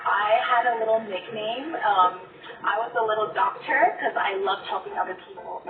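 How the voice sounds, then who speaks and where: A woman's voice: medium pitch, normal speed, roomy sound. A young woman from Thailand, chatting casually as a pageant contestant. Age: young adult. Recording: tinny distant TV broadcast with music.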